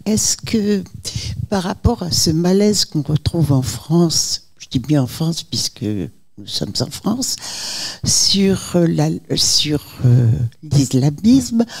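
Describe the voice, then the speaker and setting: Slow husky questioner from the floor. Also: mid-range voice, darkish tone. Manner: hesitant, searching for words. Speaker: audience member asking a question.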